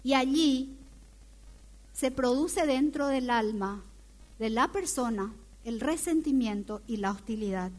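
A woman preaching a sermon in a lively way, often asking her audience questions. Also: fairly high pitch, measured pace, long pauses.

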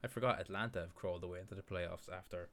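A man's voice: deep voice, rapid-fire. A man co-hosting a casual sports podcast, with a rambling, filler-heavy way of breaking down games. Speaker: podcast co-host. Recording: faint background hiss.

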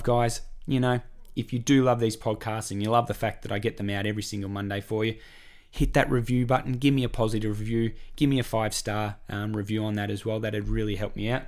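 On his solo podcast, an Australian weight-loss coach speaks in a lowish, hoarse voice made croaky by a cough. He's chatty and supportive, given to repetition.

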